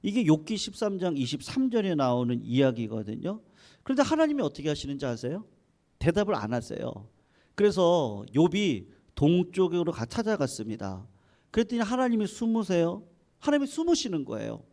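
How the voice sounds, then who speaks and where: A man's voice: fairly high pitch, big pitch swings, a little fast, warm tone. A middle-aged man preaching a sermon as pastor in a church, pleading and rising in fervor as he acts out a plea to God. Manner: preaching with rising fervor, acting out Job's pleas. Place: church sanctuary.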